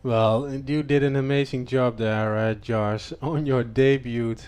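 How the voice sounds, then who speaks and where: A man's voice: medium pitch, measured pace, smooth, faint music behind. Hesitant man hosting a race stream. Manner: hesitant, many fillers, excited shouting of names. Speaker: race league host. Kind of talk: live post-race chat.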